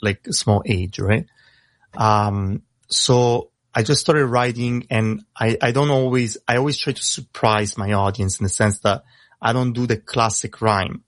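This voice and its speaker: On a video call, a young rapper guest who was raised in Italy and speaks Italian as his first language chats casually, stopping and starting with lots of fillers. His voice is medium-pitched, and the audio has no echo.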